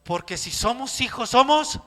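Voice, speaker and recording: High, bright-voiced Mexican pastor preaching. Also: male voice, unhurried, a little hiss or hum. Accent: Mexican Spanish. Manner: animated preaching with acted-out quotes and questions to the congregation. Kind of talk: sermon. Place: church hall. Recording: echoey church hall.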